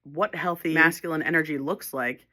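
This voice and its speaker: A woman's voice: low-pitched, moderate pace, pushed and bright. A woman speaking as a holistic life coach in a reflective self-help monologue, earnest and encouraging, often restarting her phrases.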